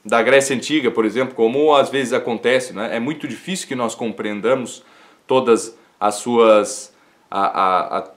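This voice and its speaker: A male teacher speaking in a livestream lecture, his voice sitting at an ordinary middle pitch. He explains things at an unhurried pace and keeps checking in with "isn't it?" tags and plenty of fillers. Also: fairly bright tone. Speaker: teacher of classical literature.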